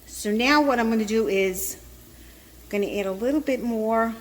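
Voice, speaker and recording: A mature woman with a Brooklyn accent, her voice on the high side and her pace moderate, chats casually through a home-cooking demo as she works. She's indoors in an echoey apartment kitchen, filmed on a handheld camera with no tripod. The room echoes, and the sizzle of frying comes through clearly alongside the sound of stirring.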